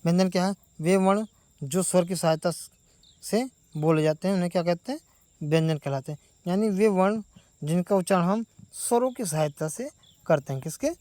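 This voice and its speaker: A man teaching a grammar lesson for exam preparation, asking questions and answering them himself, stretching sounds out slowly. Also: sits high, mellow, no room sound. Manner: stretches sounds out slowly when demonstrating vowels.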